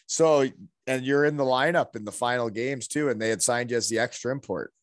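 A man's voice: mid-range voice, a little fast, no room sound, clean studio sound. A man with a Canadian accent hosting a casual interview, bantering in hockey-bro slang and often tagging on "eh". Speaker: interviewer and former hockey player. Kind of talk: casual chat.

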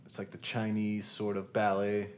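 A man's voice: lowish voice, monotone, normal speed, a little mellow, slight background noise. A young man in casual, teasing banter with a friend, full of frat-bro slang.

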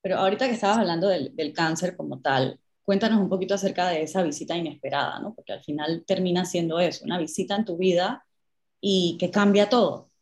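A woman's voice: lowish voice, fast, a little mellow. Woman interviewer in an echoey room. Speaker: host. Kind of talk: interview questions. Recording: roomy echoey sound.

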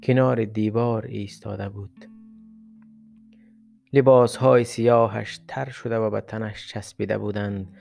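Male reader, gravelly, reflective story narration over faint guitar. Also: lowish voice, little pitch movement, a little mellow. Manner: measured, reflective first-person narration. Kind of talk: literary short story reading. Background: faint guitar music.

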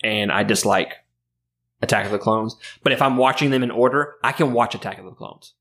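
A man's voice: mid-range voice, brisk, fairly bright tone. A man co-hosting a podcast in casual chat, blunt and swearing heavily. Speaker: podcast co-host.

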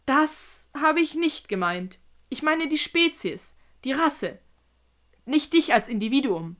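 A squeaky, metallic-sounding old spider queen, as a woman reads her aloud. She stays calm and matter-of-fact, pitched well above an already high voice, and she speaks up firmly. This is a spoken storybook. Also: a little fast. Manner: higher and louder than her reading voice.

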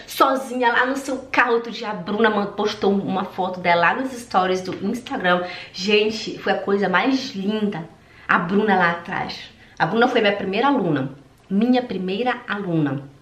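A woman language teacher telling a personal story to viewers in a lively, direct way, often repeating words. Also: a little high, echoey room. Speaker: German teacher. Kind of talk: casual storytelling vlog.

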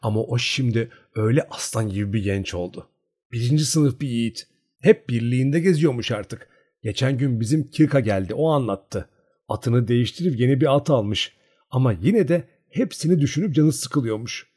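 A man's voice: mid-range voice, animated, normal speed, mellow, slightly rough. A man reading aloud, voicing a shy but proud young peasant girl who answers her friend stubbornly. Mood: confiding.

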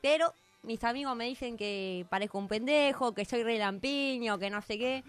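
A woman with an Argentine accent voicing a weary, broke male Cupid in a radio comedy sketch, hoarse from shouting, slangy and complaining. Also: fairly high pitch, moderate pace, soft background music, lightly acted. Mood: grumbling. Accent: Argentine Spanish. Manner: slangy, complaining, laid-back.

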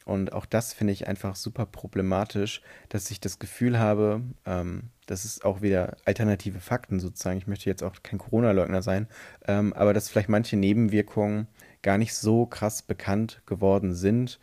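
A man's voice: fairly low pitch, level tone, normal speed, warm tone. A man giving a casual opinion monologue, speaking hesitantly as he searches for words and corrects himself.

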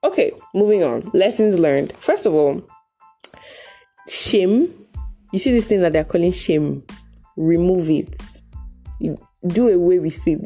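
A young Nigerian woman with a Nigerian accent telling a story in a casual, animated vlog, talking straight to her viewers. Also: on the low side. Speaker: vlogger.

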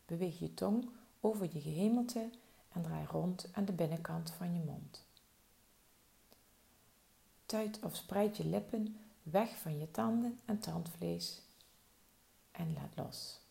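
A woman leads a slow body-relaxation meditation in a soft, soothing way. Her voice is low and mellow, with a heavy gravelly fry. She lets each instruction settle before moving on. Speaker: relaxation guide.

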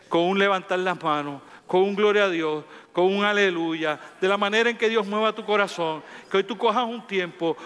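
A man's voice: high-pitched, fairly bright tone, clean tone. Fervent praying male pastor. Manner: fervent, repetitive prayer phrases. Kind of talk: sermon prayer.

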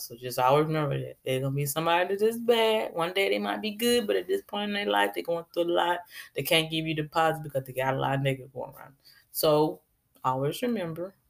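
A woman's voice: low voice, creaky. A woman talking casually about manners and kindness, chatty and preachy, with colloquial asides to her listeners. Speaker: speaker giving advice. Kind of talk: casual talk on etiquette.

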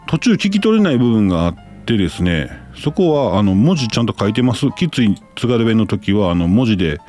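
A man hosts a casual solo talk show. His voice sits low but swings widely in pitch as he chats. He rambles, fills gaps and corrects himself often, with faint music playing behind him. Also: a little mellow. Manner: chatty and rambling, frequent fillers and self-corrections. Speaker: podcast host.

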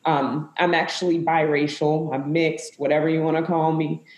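A woman pastor with a very low voice responds on a live panel, halting often and filling pauses. Her words come out emotional and unpolished. The sound carries a noticeable room echo. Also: little pitch movement, darkish tone. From Zambia and the US. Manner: halting, many fillers, emotional. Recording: echoey room.

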